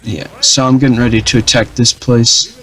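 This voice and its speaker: This gaming channel host is a young man narrating his strategy campaign in a slow, rambling style. Ums, uhs and restarts come often, and his ordinary mid-pitched voice stays flat and a little dull throughout the casual gameplay commentary.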